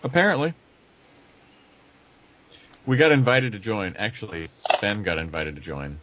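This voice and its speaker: Man, game player, lowish voice, bouncy animated pitch, faint background hiss. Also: a little slow, highs cut off. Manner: joking, animated. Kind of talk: casual tabletop game chat.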